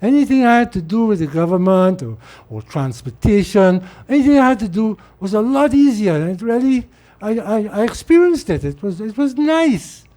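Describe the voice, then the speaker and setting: This is a high-pitched, very animated male voice with a dark tone, moving at normal speed. The speaker, a middle-aged political figure from Trinidad, rambles informally in a Trinidadian accent and repeats words as he restarts.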